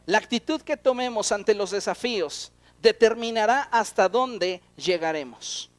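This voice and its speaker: A man preaches with energy, pitched high and firing rhetorical questions at the congregation. His voice sits close and dry on the microphone, with no room sound around it. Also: expressive, measured pace, dry recording. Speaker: pastor. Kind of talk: sermon.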